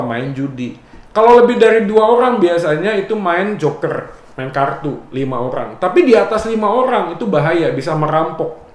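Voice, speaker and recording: A man with a high voice preaches a relaxed Bible exposition and drops little jokes along the way. He keeps tagging his phrases with a casual "ya", and a roomy echo hangs around his words. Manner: casual and joking, often adds "ya". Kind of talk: conversational Bible exposition sermon.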